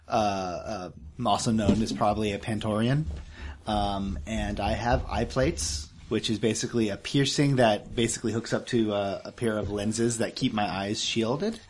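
A man's voice: fairly low pitch, steady tone, measured pace, a little hiss or hum. A man chatting casually as a tabletop player, explaining things in a wry way. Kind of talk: casual chat, character introduction.

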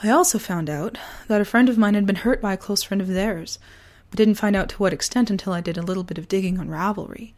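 A woman hosting a personal podcast speaks with earnest deliberation, though a sore throat virus has taken part of her voice. The pitch is medium and the tone a little mellow, and the show blends reflective essay with casual chat.

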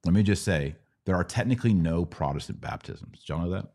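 Speaking a little fast, with lively intonation and a mellow, notably low voice, a middle-aged American podcast host answers religious questions. He teaches in a conversational, instructive way, frequently stopping for a rhetorical question and then continuing.

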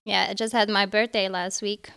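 A woman's voice: mid-range voice, flat delivery, normal speed, creaky, a bit bright, clear, resonant tone. A woman in her late twenties from Morocco, a native Arabic speaker, chatting casually with a North African, Moroccan Arabic accent and often giggling as she talks. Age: late 20s. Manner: giggly, laughs often while talking. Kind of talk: casual chat.

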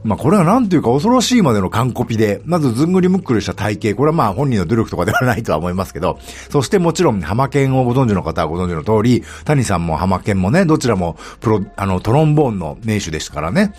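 A man's voice: fairly low pitch, big pitch swings, fast, few pauses, a little mellow, slightly rough. A middle-aged man hosting a podcast, talking casually and rambling with many fillers and asides. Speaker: podcast host. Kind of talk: casual solo talk about a TV drama.

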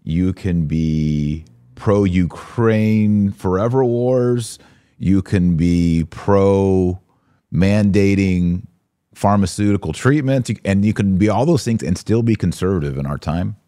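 An American man hosts a live podcast, answering listener comments in a casual, slangy way. His voice is low, slow and warm, recorded at studio quality with no echo.

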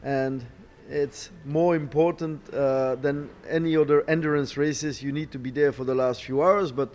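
A middle-aged man, not a native English speaker, answering interview questions haltingly, searching for words and repeating phrases. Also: fairly high pitch, fairly even intonation, a little mellow. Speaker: racing team boss, former driver. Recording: clear background noise, ambient sound.

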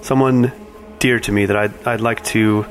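A man's voice: lowish voice, steady tone, normal speed, faint music behind, lightly acted. Man playing a hesitant, overly polite adventurer. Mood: courteous, hesitant. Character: polite, evasive male adventurer seeking temple favors.

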